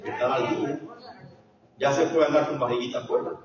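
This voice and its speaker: An older man preaching a sermon as a pastor, swinging from hushed storytelling to shouted preaching. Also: mid-range voice, fairly even intonation, fairly quick, a little hiss or hum. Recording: echoey hall, distant dull mic.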